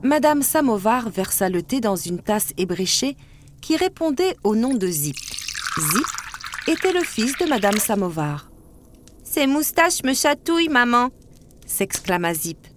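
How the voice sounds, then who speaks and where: A woman narrating a children's storybook in a steady read-aloud delivery. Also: fairly high pitch, normal speed. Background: background music.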